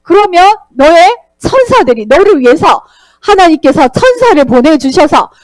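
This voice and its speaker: A woman's voice: extremely high pitch, big pitch swings, normal speed, no room sound. A woman voicing a sly male Satan who taunts and coaxes with mocking questions while telling a Bible story to children. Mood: coaxing.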